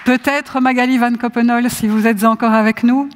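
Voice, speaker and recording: A moderator runs a panel discussion and sums up each answer briefly before handing over. The voice sits at a middle pitch and rings in a hall with long reverb. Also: steady tone, normal speed, a crowd in the background, noisy background. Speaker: debate moderator.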